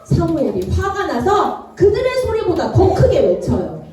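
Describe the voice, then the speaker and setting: A woman preaches to children with a high, swooping voice that is dark and mellow in tone. The sound is roomy and distant, with a faint church ambience behind her. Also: a little slow. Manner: animated, playful, acts out characters and asks the children questions. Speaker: children's Sunday school preacher. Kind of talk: lively children's sermon with acted Bible voices. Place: church worship room.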